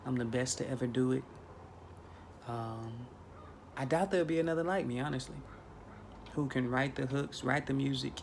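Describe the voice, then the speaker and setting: A man in his thirties speaks casually into a phone camera held at arm's length in a small bedroom, his medium-pitched voice creaky against slight background noise. A spiritual vlogger, he is preachy and emphatic, repeating himself for effect.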